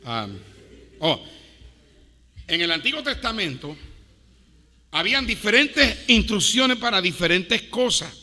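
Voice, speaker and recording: A man preaching a sermon to a congregation, with dramatic swings between hushed and loud delivery and playful asides to his listeners. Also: sits high, big pitch swings, takes it slowly, pauses often. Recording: long hall reverb.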